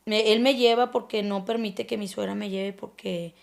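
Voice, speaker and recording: Gravelly Mexican woman, halting testimony. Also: mid-range voice, steady tone. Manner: halting and searching for words, often trailing off softly. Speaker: anonymous guest sharing her story. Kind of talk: personal testimony on a podcast.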